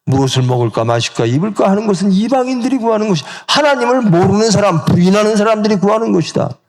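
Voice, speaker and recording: A man's voice: sits high, lively intonation, fast, darkish tone. A middle-aged male pastor preaching a sermon in a church, asking the congregation questions and acting out the voices he quotes. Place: church sanctuary.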